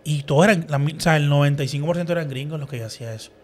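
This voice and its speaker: A man hosting a casual podcast chat, animated and acting out the people in his stories. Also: on the high side, very fast. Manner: animated storyteller, acts out quoted people. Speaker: podcast host.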